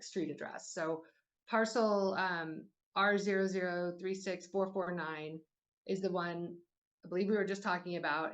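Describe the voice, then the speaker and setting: A woman giving a formal hearing presentation, careful and hesitant, reading figures with many fillers. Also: fairly low pitch.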